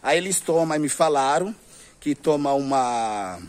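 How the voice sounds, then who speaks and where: A man's voice: a little high, animated, measured pace, darkish tone. A man with a Brazilian accent telling a story to camera in a flamboyant, gossipy way, laughing often, outdoors on a street. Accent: Brazilian Portuguese. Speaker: vlogger.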